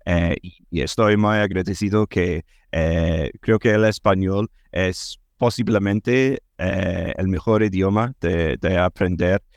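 A man with a low voice and a Scottish accent speaks Spanish as a second language, with English as his native tongue. He talks conversationally as an interview guest, often pausing and restarting to find the word. The sound is dry and close. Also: fairly even intonation, dry recording. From Scotland. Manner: halting, searching for words and repeating them.

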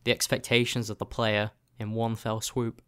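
A man in casual chat, deadpan and mock-serious, asking rhetorical questions. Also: fairly low pitch, normal speed, clear, resonant tone.

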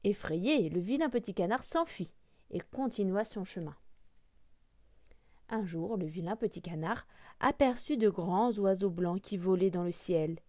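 A woman reading a children's story aloud, expressive and lively, with soft hushed moments. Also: mid-range voice, unhurried, no room sound, studio quality.

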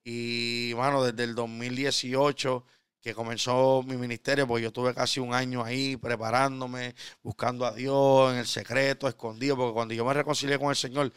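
A Puerto Rican man in his thirties, a preacher appearing as a guest, earnestly shares his conversion story as a conversational testimony, sometimes dropping to a hush for intimate moments. His smooth, mid-range voice carries a Puerto Rican Spanish accent, captured in clean studio sound with no room echo.

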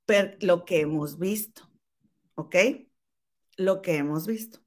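Animated chatty woman recapping gossip. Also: fairly low pitch, slow. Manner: animated, addresses listener as comadre. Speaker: co-host. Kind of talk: casual gossip chat.

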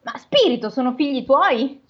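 A woman's voice: sits high, lively intonation, normal speed, pitched above the performer's own voice. A woman reading the lines of an old miserly man who asks wary questions, with a dull, lo-fi sound. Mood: troubled.

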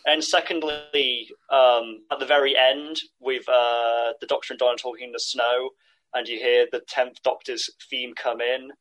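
A man with a mid-range, slightly bright voice speaks at normal speed in a level tone, co-hosting a casual podcast chat. He talks thoughtfully, using plenty of "like" and "um." The audio is poor.

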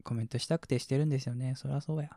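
A man with a Kansai accent hosting a relaxed late-night sleep radio show, reading listener comments in a soft, mumbly, slightly slurred voice that chuckles quietly and drifts into near-whispers. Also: medium pitch, racing, gravelly, no echo, clean studio sound. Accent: Kansai Japanese.

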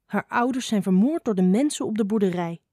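A gossiping young snake girl from a children's storybook, voiced by a woman reading aloud. She passes on news in a hushed, confiding way. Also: medium pitch, expressive, brisk, no echo, studio quality, natural voice.

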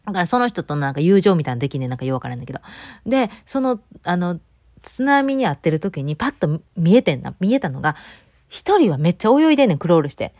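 Chatty Kansai woman, quick and rambling. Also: lowish voice, dry recording, studio quality. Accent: Kansai Japanese. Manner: chatty, rambling, lively storytelling with many fillers. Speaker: vlogger. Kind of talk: casual solo chat. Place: home.

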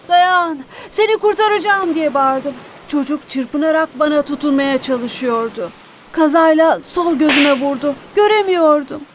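A woman's voice: high voice, slight background noise. A woman narrating a first-person true story in an earnest, dramatic reading voice.

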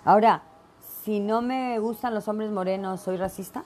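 A middle-aged woman from Veracruz, Mexico, hosts her own podcast, delivering blunt, emphatic opinions in a solo monologue packed with fillers. Her voice is medium in pitch and a little mellow, moving at a normal speed over soft background music.

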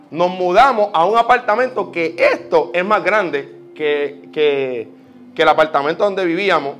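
A man with a Puerto Rican accent preaching a sermon, telling personal stories with lively quoted prayers. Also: sits high. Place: church.

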